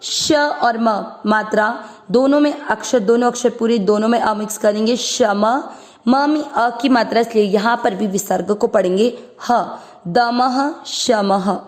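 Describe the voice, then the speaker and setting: Lady teaching sanskrit sounds slow and patient, stretches out the chanted words, kinda high voice. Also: darkish tone. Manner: patient, drawing out syllables when chanting the verse. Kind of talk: slow syllable-by-syllable pronunciation lesson.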